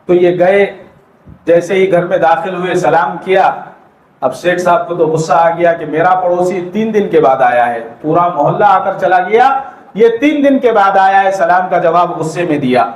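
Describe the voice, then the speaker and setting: A man preaching a sermon at a mosque gathering, telling stories and swinging from raised to hushed delivery. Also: high voice. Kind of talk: sermon with storytelling. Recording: echoey hall.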